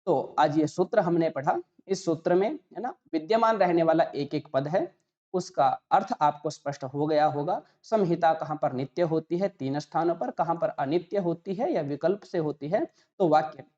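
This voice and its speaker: A woman with a low, mellow voice teaches Sanskrit grammar in a steady explanatory lesson. She splits words into their single sounds and repeats each example slowly. The recording is a little dull and muffled.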